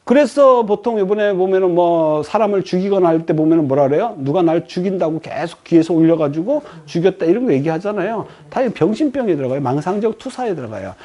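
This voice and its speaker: A middle-aged man giving a professor's lecture to a class, animated, asking the room questions and acting out little quoted voices. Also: high voice, quick pace, hardly any pauses.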